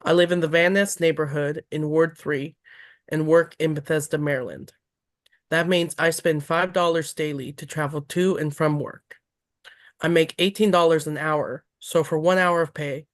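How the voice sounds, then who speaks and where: A man's voice: a little high, dry recording, clean studio sound. A young man, a student, reading prepared testimony at a hearing in a plain, matter-of-fact and polite way. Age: young adult.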